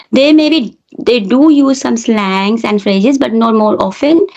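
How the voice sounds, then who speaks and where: A woman from India, middle-aged, talks as an encouraging English teacher in easy conversation. Her voice has a gravelly, creaky texture, and the lo-fi call audio sounds muffled and dull. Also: on the high side, darkish tone. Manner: friendly, encouraging, with small slips and restarts. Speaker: English teacher and channel host. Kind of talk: casual conversation practice. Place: Australia.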